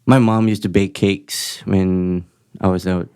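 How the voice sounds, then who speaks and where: A young man from Malaysia, a chef guest on a podcast, talking casually in halting sentences with frequent restarts. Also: low-pitched, clear, resonant tone, no room sound, clean studio sound. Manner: relaxed, halting speech with frequent restarts and chuckles. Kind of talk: casual chat.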